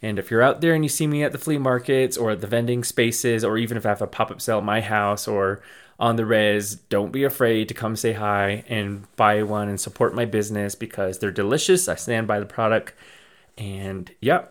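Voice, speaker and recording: A man's voice: on the low side, moderate pace. A man hosting a podcast, giving a casual, rambling life update full of thanks, often restarting and repeating himself. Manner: effusive and grateful. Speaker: podcast host and small business owner.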